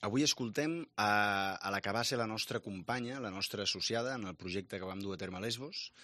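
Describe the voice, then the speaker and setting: A man's voice: fairly low pitch, fairly quick, sharp tone, dry recording. A man with a Catalan accent, chatting and asking questions as an interviewer. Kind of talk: conversational radio interview.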